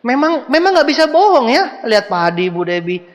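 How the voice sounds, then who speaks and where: A man giving a motivational seminar talk to a live audience, animated and joking, speaking to them directly. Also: very high-pitched, fairly quick. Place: large hall with audience. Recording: long hall reverb.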